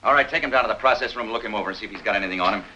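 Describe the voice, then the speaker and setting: A blunt hard-driving police captain. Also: male voice, on the low side, racing, slight background noise. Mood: hard, pressing. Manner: clipped, forceful, hard-nosed interrogating. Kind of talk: 1950s film acting. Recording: dull lo-fi 1950s film audio.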